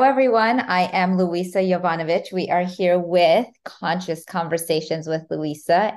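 A woman's voice: on the low side, darkish tone. A woman hosting an interview podcast, eager and enthusiastic with her guest. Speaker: podcast host. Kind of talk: scripted intro, then interview chat.

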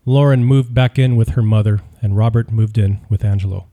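A man reading a true-crime audiobook in scripted narration, measured and even. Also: fairly low pitch.

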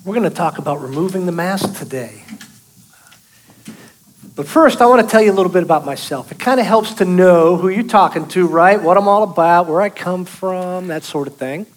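Speaking at normal speed in a high voice, a guest speaker from South Boston, US delivers a testimony sermon. His style is folksy and joking, and he calls out to the congregation.

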